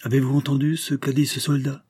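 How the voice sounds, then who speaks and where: A man's voice: medium pitch, flat delivery, brisk, darkish tone, husky, dry recording, voice pushed up, lightly acted. A man voicing a proud young noblewoman who speaks in a bitter, reproachful, impassioned way. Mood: earnest.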